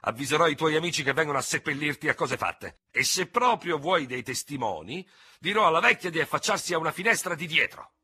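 A man voicing a small, hot-tempered Gascon hussar lieutenant who shouts and hisses in fury. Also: medium pitch, animated, a little fast, husky, voice pushed up. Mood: raging. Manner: shouting, hissing, ranting. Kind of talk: audiobook character reading.

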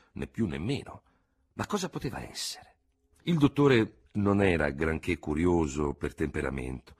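A male narrator reads a literary novel aloud in a deep, husky voice. His pitch rises and falls freely as he tells the story. He delivers the text as scripted, expressive storytelling. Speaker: audiobook narrator.

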